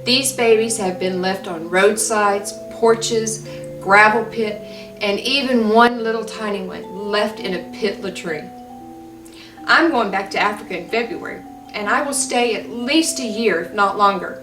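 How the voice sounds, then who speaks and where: A woman from Tanzania who volunteered as an EMT tells her story in an earnest, measured way to ask for support. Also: mid-range voice. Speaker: volunteer EMT making a fundraising appeal. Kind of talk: personal storytelling appeal. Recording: roomy, distant mic, music behind. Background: music.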